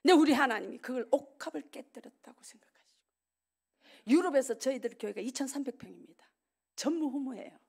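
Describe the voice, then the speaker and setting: A middle-aged woman preacher with a brisk, high, slightly rough voice delivers her testimony in a church sanctuary. She brings the story to life with animated narration, playing out the dialogue and laughing often.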